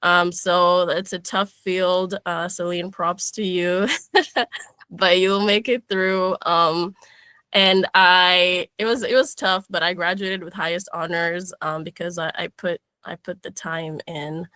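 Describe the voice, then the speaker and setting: A woman's voice: on the low side, steady tone, takes it slowly, bright, forceful tone, clear, resonant tone, no echo. A young woman from Kenya, a guest speaker giving an upbeat webinar presentation over a video call, with frequent "um"s and restarts.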